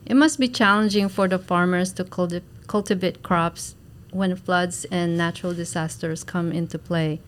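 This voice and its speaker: A woman's voice: on the low side, fairly even intonation, moderate pace. A woman from the Philippines with a Filipino accent, politely leading a student discussion with questions. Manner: polite, questioning, leads the talk. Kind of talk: student discussion role-play.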